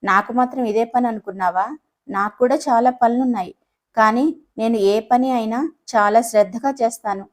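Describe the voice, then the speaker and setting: A woman's voice: fairly high pitch, fairly even intonation, moderate pace, lightly acted. A woman voicing a teasing young husband. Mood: playful. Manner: teasing, affectionate.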